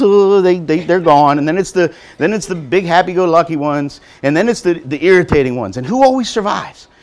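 A man giving a lively, joking motivational talk to nursing assistants, acting out quotes as he goes. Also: sits high. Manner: animated, joking, acts out quotes. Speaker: motivational speaker. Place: college hall before an audience.

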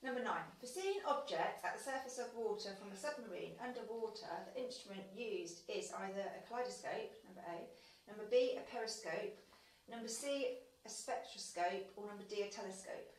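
A woman's voice: mid-range voice, expressive, fairly quick. A woman acting as quizmaster, casually reading out multiple-choice questions in an echoey bathroom, away from the microphone. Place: small tiled bathroom with shower. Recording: echoey, distant mic with light noise.

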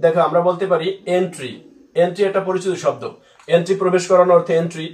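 Guy teaching spelling tricks, kinda high voice, slow n patient, sounds a bit off-mic in an echoey room. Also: steady tone, a little mellow, distant mic. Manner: patient, repeats and spells words out slowly. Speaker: English teacher. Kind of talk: spelling lesson for students.

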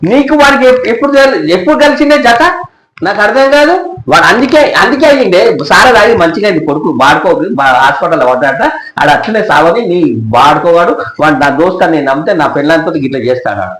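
Fast, high-voiced quarrelsome man. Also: lively intonation, roomy sound, rough recording. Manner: accusing, quarrelsome, jealous shouting. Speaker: husband in comedy skit. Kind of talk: Telangana Telugu comedy skit acting.

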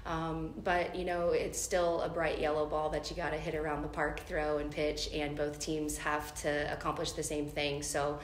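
A woman's voice: deep voice, flat delivery, moderate pace, hardly any pauses. A middle-aged woman, a head coach, speaking earnestly at a postgame press conference with frequent ums. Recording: echoey room, faint noise.

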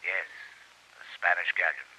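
A hissy old radio recording carries a courtly, worldly-wise submarine captain. The voice is deep and very forceful, measured and grandly formal, made for theatrical command. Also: male voice, level tone, rough recording. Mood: sardonic, courtly. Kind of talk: old-time radio drama acting.

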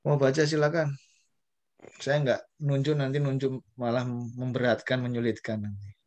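A man's voice: mid-range voice, flat delivery, moderate pace, a little mellow. A male teacher, leading an online Arabic class and patiently drilling pronunciation syllable by syllable over a video call.

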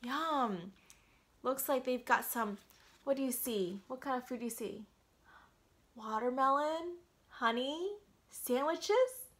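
A woman in her thirties, her voice sitting high, takes a picture book slowly and pauses often. She's animated and questioning, talking directly to the young child in a small quiet room at home.

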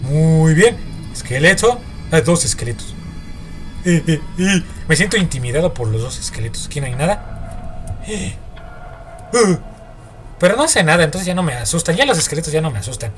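A young man with a Mexican Spanish accent plays a horror game and talks it through for his viewers. His voice sits a little high, and he jumps, curses and mutters to himself as he goes. Faint game music runs behind him. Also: very animated, normal speed, long pauses. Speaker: gaming YouTuber. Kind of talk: horror game let's play commentary.

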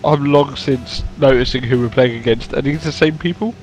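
A man on voice chat with friends, teasing and lively while playing. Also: medium pitch, normal speed, slight background noise. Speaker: teammate. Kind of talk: casual gaming chat.

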